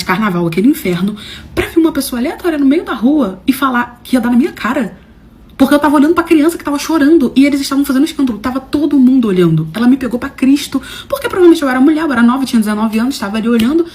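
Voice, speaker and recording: A woman telling a personal story to her viewers, animated and dramatic, with slangy phrasing and swings between loud and soft. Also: on the high side. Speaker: storyteller host. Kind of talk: casual storytelling to camera.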